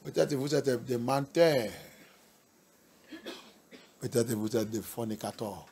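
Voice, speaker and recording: A male pastor delivers a sermon emphatically, repeating key phrases and swinging between soft and loud. His voice is mid-range and slow, with a little hiss or hum in the recording.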